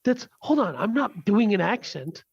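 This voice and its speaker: A man's voice: sits high, big pitch swings, normal speed, vocal fry, breathy edge, no echo, dull audio. A man in his thirties co-hosting a podcast, telling a story casually with lots of restarts. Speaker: podcast co-host. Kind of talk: casual chat.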